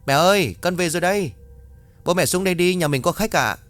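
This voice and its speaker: A man's voice: medium pitch, animated, fairly quick, dry recording, soft background music, voice pushed up, close to an everyday voice. A man voicing a polite, cheerful young woman student who talks respectfully to her elders. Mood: calling out.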